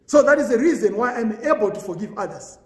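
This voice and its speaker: Male pastor, sermon delivery, measured and earnest, animated pitch. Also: echoey room. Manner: earnest, measured preaching with pauses between phrases.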